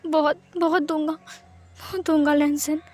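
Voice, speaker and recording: A woman's voice: sits high, normal speed, soft background music, natural voice. A woman voicing a playful, clingy young man who whines and pleads affectionately in a fan-fiction reading. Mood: pleading. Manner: sulky, whiny and affectionate. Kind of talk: storybook dialogue reading.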